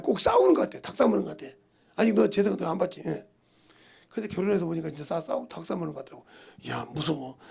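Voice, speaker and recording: A man's voice: high voice, vocal fry, darkish tone, breathy edge. A man pastor preaching a sermon in a folksy storytelling way, asking the congregation questions as he goes. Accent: Korean.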